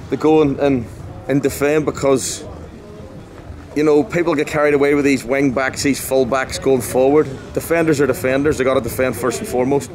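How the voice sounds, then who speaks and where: Speaking into a close-held handheld mic at a ground at night, a football manager in his forties gives a blunt, passionate post-match interview, repeating himself for emphasis. His medium-pitched voice is a little mellow, with faint outdoor noise around.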